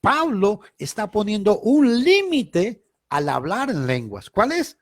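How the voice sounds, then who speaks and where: A man leads a Bible study like a sermon, with a fairly high voice that leaps up and down. He stresses key words loudly, then drops into quiet asides. The sound is dry and close. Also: big pitch swings, slow pace, dry recording. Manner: emphatic, swings between loud stress and quiet asides. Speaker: Bible teacher.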